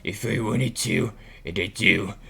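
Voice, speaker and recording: A man voicing a brooding, smug male killer from a dating game, talking in a gruff, withholding, teasingly menacing way. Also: fairly low pitch, unhurried, bright, forceful tone, pitched above the performer's own voice, heavily acted. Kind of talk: reading game dialogue aloud.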